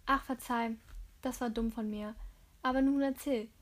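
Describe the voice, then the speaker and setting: Woman reading a poised middle-aged mother, composed, gently admonishing, slightly high voice, audiobook. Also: fairly even intonation, normal speed, close to an everyday voice. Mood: warm.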